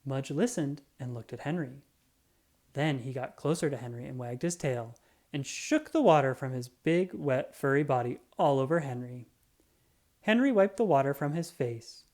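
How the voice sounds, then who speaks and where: A storybook reader with a medium-pitched voice narrates a children's tale aloud, expressive and deliberate in the classic storytelling way.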